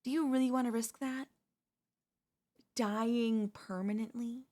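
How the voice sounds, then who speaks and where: A woman with a fairly high, steady, dark-toned voice speaks unhurriedly, lightly acting as a chatty female zombie in a comedic audio roleplay. The zombie craves human flesh and cheerfully, conversationally coaxes and wheedles, sounding placating and persuasive.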